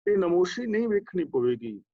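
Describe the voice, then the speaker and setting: A man's voice: high voice, very animated, normal speed, dark tone. A man giving a religious scripture class, explaining words one by one and asking the class questions, heard over an online meeting. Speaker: Sikh scripture teacher. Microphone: video call. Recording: dull lo-fi online meeting audio.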